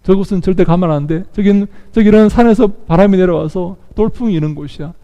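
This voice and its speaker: A man's voice: high-pitched, mellow, long reverb tail, dull audio, voice pushed up. A preacher playing a stern fisherman father warning his son. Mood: earnest. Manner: earnest, slow warnings.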